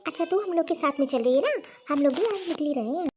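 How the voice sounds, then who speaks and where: A woman's voice: high-pitched, animated, quick pace, background noise. A woman voicing a middle-aged mother-in-law in a cartoon story who frets about family honor. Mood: chatty.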